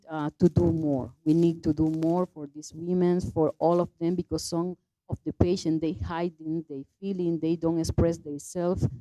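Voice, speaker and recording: A woman who is not a native English speaker, explaining on a panel in halting, simple phrases into a handheld mic. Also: low-pitched, warm tone, no room sound, low-quality recording. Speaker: doctor, forum panellist. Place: forum hall, on stage. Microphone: handheld microphone.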